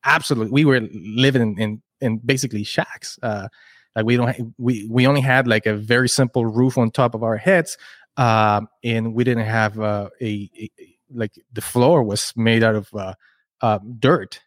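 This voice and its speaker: A Chilean man whose first language is Spanish, speaking at a moderate pace with a medium-pitched, steady voice. He's an entrepreneur appearing as a podcast guest, telling his story in a casual interview, earnest and rambling, often restarting words. The recording is clean studio sound with no echo.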